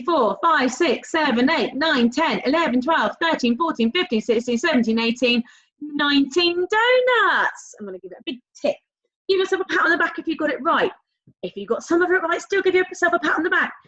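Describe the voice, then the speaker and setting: A woman teaching a recorded primary school maths lesson, talking directly to young pupils in an encouraging, sing-song way with drawn-out key words and prompting questions. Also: sits high, fairly bright tone. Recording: dull, lo-fi sound.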